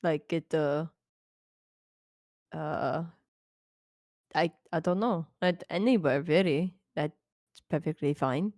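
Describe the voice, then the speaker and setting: Young Ukrainian-accented reporter, woman voicing her, halting and unsure, low and dry. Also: darkish tone, no echo. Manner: halting, searching for words.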